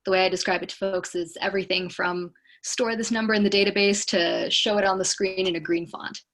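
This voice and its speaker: Woman in her twenties from California, concise panelist with a gravelly, creaky tone. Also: mid-range voice, fairly even intonation, brisk, fairly bright tone.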